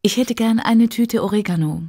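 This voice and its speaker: A woman's voice: a little high, normal speed, warm tone, dry recording, clean studio sound, voice pushed up. A woman voicing a curious young Italian woman visiting a city, asking eager questions.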